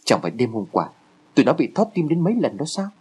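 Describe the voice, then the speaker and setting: A man's voice: mid-range voice, big pitch swings, quick pace, a little mellow, slightly rough. A man voicing a lazy, sleepy teenage boy who grumbles and teases his friend in a horror story reading. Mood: grumbling. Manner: grumbling, teasing.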